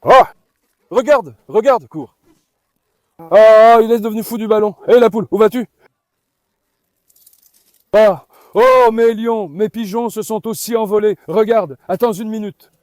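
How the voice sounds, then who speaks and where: High-voiced man coaxing his dogs. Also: moderate pace, a little mellow, no echo, studio quality. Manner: coaxing, calls to the dogs while talking to viewers. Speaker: farm vlogger with dogs. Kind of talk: casual vlog commentary.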